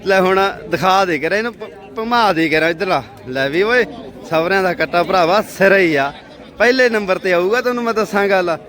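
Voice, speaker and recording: A man's voice: high-pitched, expressive, brisk, fairly bright tone. A man with a Punjabi accent hosting a casual on-the-spot vlog, chatting familiarly with farmers and commenting as he goes. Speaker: livestock show video host interviewing farmers. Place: outdoors at a livestock fair. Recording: outdoor event, crowd and street noise behind.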